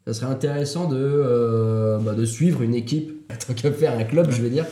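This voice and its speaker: A man's voice: medium pitch, normal speed, dark tone. A man in his thirties from France, a podcast guest chatting casually and hesitantly, with many fillers and restarts. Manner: hesitant, full of "euh" and restarts. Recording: echoey room.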